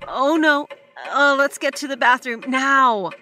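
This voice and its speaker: A woman acting an excitable, expressive female character in a kids' podcast skit. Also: high-pitched, a little slow, faint music behind. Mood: worried, caring. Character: excitable, caring woman, party girl and mother.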